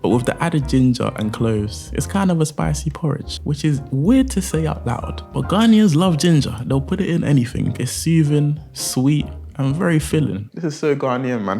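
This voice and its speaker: A man's voice: medium pitch, a little fast, hardly any pauses, dark tone, soft background music. A young man, cooking in a home kitchen and chatting in a playful, jokey, slangy way. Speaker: cooking vlogger. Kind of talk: casual cooking vlog.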